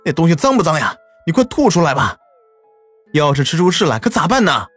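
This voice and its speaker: A man voicing a hot-tempered, bullying middle-aged businessman in an audio story, shouting and threatening. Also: fairly high pitch, sing-song, brisk, slightly rough, no room sound, soft background music, pitched above the performer's own voice, exaggerated voice. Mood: pleading.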